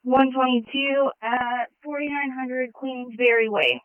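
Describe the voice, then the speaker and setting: A police dispatcher heard over a police radio, reading out addresses and plate letters in a clipped, procedural way. The transmission is dull and lo-fi and sounds a little distant, yet the voice stays smooth and dry. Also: high voice, unhurried, no echo. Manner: clipped, procedural radio codes and unit numbers.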